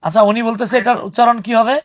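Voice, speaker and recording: A young man teaching spoken English in an online class, lively and teasing, explaining patiently with examples. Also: very high-pitched, racing.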